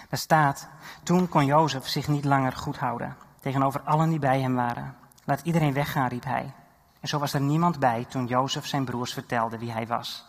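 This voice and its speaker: A man preaching a sermon and retelling a Bible story, animated, with loud exhortation and quiet reading. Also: medium pitch. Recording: long hall reverb.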